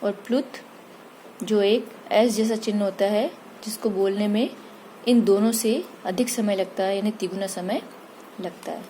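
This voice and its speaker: A woman teaching Hindi grammar, patiently explaining vowels and spelling out each example slowly. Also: medium pitch, fairly even intonation, dark tone, a little hiss or hum, low-quality recording. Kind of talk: slow explanatory lesson.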